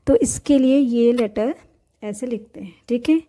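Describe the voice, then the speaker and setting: Slow, patient woman teaching letters. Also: a little high, warm tone. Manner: patient, repeats letters slowly for the learner. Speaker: language teacher. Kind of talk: step-by-step writing lesson.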